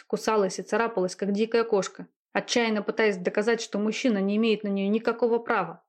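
A woman reading a romance novel aloud in a steady, intimate narrating voice. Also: medium pitch.

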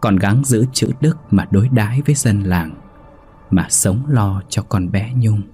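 A man voicing the ghost of an old mother-in-law in a horror story, speaking in a deep, hollow, strained voice. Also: measured pace, lightly acted. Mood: mournful. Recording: soft background music.

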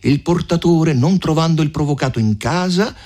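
A man reading aloud who voices a domineering, insinuating nobleman in a lowered voice. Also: moderate pace, a little mellow, natural voice. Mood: overbearing.

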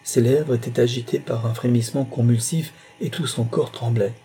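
A man narrating a novel in a steady, measured reading. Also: medium pitch, breathy edge. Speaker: audiobook narrator.

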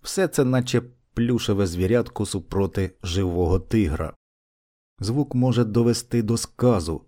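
A man reading an audiobook as narrator, in a steady, measured way. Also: lowish voice.

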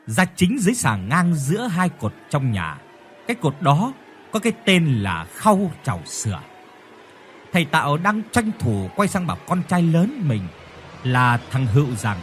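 A man narrating a ghost story in a measured, descriptive storytelling manner. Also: fairly high pitch.

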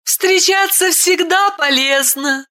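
Yamarex, woman doing a high solemn boy judge. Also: takes it slowly, sharp tone, full character voice.

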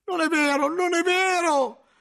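A man voicing a furious, desperate monk cellarer who shouts his accusations. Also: steady tone, measured pace, creaky, exaggerated voice. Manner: shouting, high-strung.

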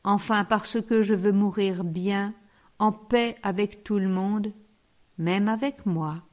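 A woman reading the part of a serene old male country priest, speaking softly and mildly. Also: a little high, lightly acted. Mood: gentle. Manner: soft, mild and unhurried.

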